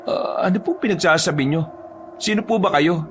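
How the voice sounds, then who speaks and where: A man's voice: sits high, fairly quick, over music, voice pushed up, lightly acted. A man voicing a worried young father who speaks anxiously and pleads.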